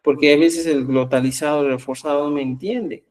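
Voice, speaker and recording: A man's voice: a little high, steady tone, a little fast, distant mic, very noisy. A man teaching a language class, explaining step by step and checking often that students follow.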